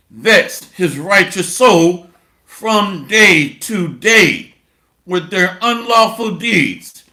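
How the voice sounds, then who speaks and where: Male preacher, sharp bright tone and slow measured pace; blunt, mocking sermon delivery. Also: high voice, roomy sound. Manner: blunt, coarse, mocking preacher with rhetorical call-outs. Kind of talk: sermon with scripture reading.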